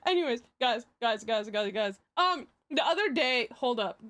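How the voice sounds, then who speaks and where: A woman's voice: fairly high pitch, lively intonation, normal speed, a bit bright. A young woman chatting casually on a livestream in a hyper, giggly, scattered way, often repeating herself.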